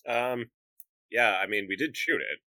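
A man's voice: medium pitch, a little slow, pushed and bright, no room sound. A man chatting as a player in a tabletop game, rambling and full of "like". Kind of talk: casual tabletop game chat.

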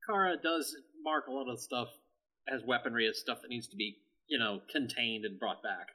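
Bright-voiced male player. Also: mid-range voice, moderate pace. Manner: narrates his character's actions.

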